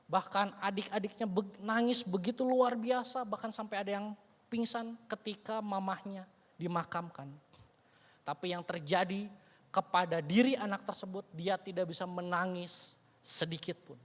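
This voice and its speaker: A man's voice: high voice, steady tone, normal speed, fairly bright tone. A man preaching a sermon, telling a story in a conversational way with frequent casual tag phrases. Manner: conversational, frequent "you know" tags, dramatic retelling. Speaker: evangelist preacher. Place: church sanctuary. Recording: long church hall reverb.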